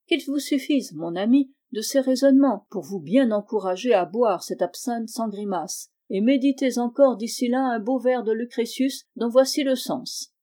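Woman reading a male sorcerer, cunning, mocking, lofty and wordy, mellow voice, audiobook tale. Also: on the high side, lightly acted.

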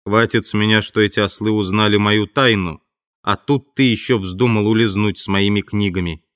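A man's voice: fairly low pitch, steady tone, normal speed, fairly bright tone, no echo, clean studio sound, close to an everyday voice. Man doing a stern, menacing invisible man. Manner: curt, threatening commands.

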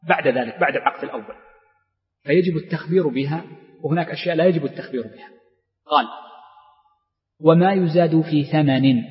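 A middle-aged man with a Saudi accent, teaching a jurisprudence class and explaining step by step while quizzing his students. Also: on the high side. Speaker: Islamic law teacher. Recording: dull reverberant lecture hall recording.

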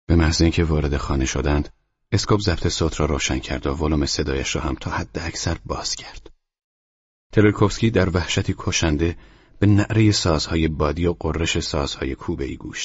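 A man narrating an audiobook in a quiet, measured way, sometimes dropping close to a whisper. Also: extremely low pitch, husky, dry recording. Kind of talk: scripted narration. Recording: dry, dull lo-fi studio recording.

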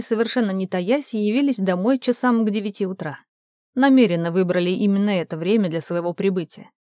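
A woman reading an audiobook with steady, measured narration at a middle pitch. The recording is dry and close, with no room around her voice. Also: dry recording.

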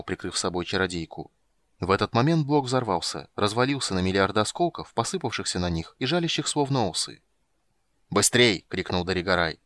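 A man giving steady, dramatic audiobook narration. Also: sits low, no room sound.

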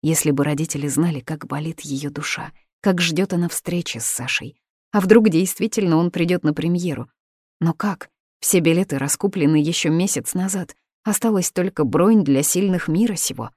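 A woman narrating an audiobook in a calm, even storytelling manner. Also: sits low, normal speed, no room sound, studio quality.

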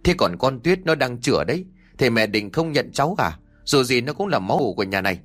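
A man's voice: mid-range voice, big pitch swings, quick pace, a bit bright. A man voicing a cowardly young village man who pleads and argues with his parents. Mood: pleading. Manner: whiny, pleading.

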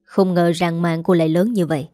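A woman's voice: fairly low pitch, fairly even intonation, brisk, warm tone, no echo, studio quality, faint music behind, lightly acted. A woman voicing a stern, commanding older woman who heads a family company, in a spoken story. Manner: severe, commanding.

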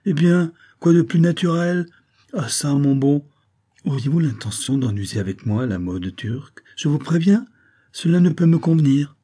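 A carefree young society lady, teasing and airy, her voice pitched well up, as a male narrator puts her on. It has a soft, husky edge and warm, dark colour. This is a storybook reading. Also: animated, moderate pace. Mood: airy, coaxing.

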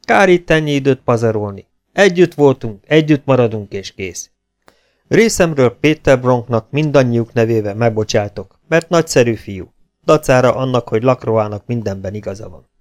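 A man's voice: medium pitch, expressive, lightly acted. A man reading an audiobook, voicing a loyal, easygoing male legionnaire marquis who speaks decisively.

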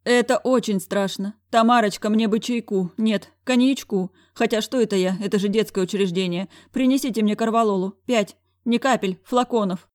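A panicky older school director wails and pleads theatrically, as a woman reads him in a pitched-up, louder voice. The dry, close audiobook recording keeps every whimper up front. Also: steady tone, moderate pace, few pauses, no room sound, close to an everyday voice. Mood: melodramatic despair. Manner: theatrical, whining, exclamatory.

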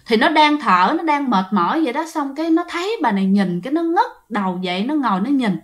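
Woman, ghost story teller, chatty and direct with listeners, a bit high-pitched. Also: sing-song, fast. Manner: chatty, addresses listeners, many fillers. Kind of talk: told ghost story narration.

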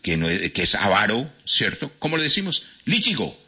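Male radio host, Cali Colombian accent, playful and animated, husky voice, dull radio sound. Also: on the low side, normal speed. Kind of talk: live radio quiz chat. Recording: lo-fi radio broadcast.

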